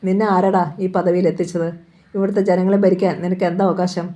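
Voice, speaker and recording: A woman reading the part of an elderly Gandhian man, loud and rebuking, in a storybook reading. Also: on the low side, little pitch movement, fast, natural voice. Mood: angry.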